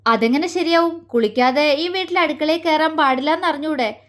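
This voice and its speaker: A woman's voice: sits high, normal speed, a bit bright. A woman voicing a cold, disapproving older aunt-in-law who gives orders, in an audio story. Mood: stern. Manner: cold, commanding, grudging.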